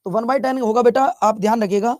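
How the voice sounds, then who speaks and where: A man's voice: extremely high pitch, brisk, darkish tone, no room sound, studio quality. A male teacher from Bihar giving a chatty classroom lecture, repeating his questions and teasing students as he scolds them. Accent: Bihar Hindi.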